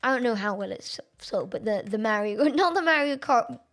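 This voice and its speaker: A woman streamer chatting through a racing game, excitable and quick to laugh at her own mistakes. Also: on the high side. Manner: chatty, excitable and self-deprecating. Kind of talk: live-stream gameplay commentary.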